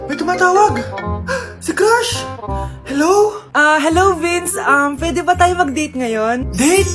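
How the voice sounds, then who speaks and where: A woman acting out every part in short comedy skits, loud and animated as she switches between a mother and her child. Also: very high-pitched, slow. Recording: roomy sound with music underneath.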